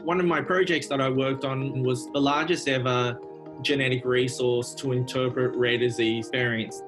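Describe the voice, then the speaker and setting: A man's voice: medium pitch, fairly even intonation, moderate pace, over music. A man, a genetics researcher, speaking matter-of-factly in a video testimonial.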